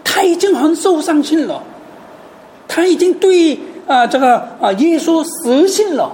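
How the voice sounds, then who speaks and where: Lively woman preaching a sermon. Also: high-pitched, unhurried, a little hiss or hum. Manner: animated, asks rhetorical questions, mixes in English words.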